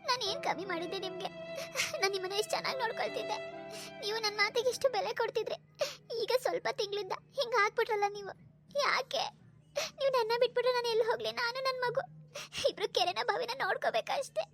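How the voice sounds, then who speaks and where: A woman's voice: very high-pitched, fast talker, pauses often, fairly bright tone, soft background music. A woman voicing a tearful, pleading young pregnant village wife in a cartoon, sobbing as she speaks. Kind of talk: cartoon dubbing.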